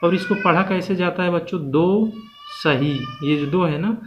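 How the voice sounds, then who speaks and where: A man teaches a maths lesson to children. He asks them questions, answers them himself, and slows down to stretch out the numbers. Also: high voice, steady tone, a bit bright. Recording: dull, lo-fi home recording with faint background hiss.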